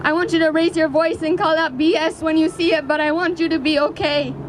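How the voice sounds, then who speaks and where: A woman with a notably high-pitched voice delivers a prepared speech at an outdoor rally. Her oratory is earnest, deliberate and impassioned, the delivery of an activist addressing a public square. Faint city and vehicle noise sits behind her words. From Canada.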